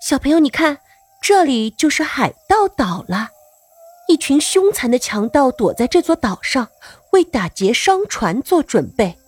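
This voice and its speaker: A woman narrating a scripted story for children as host, expressive and playful, speaking directly to young listeners. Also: high voice, a little slow, slightly rough, no echo.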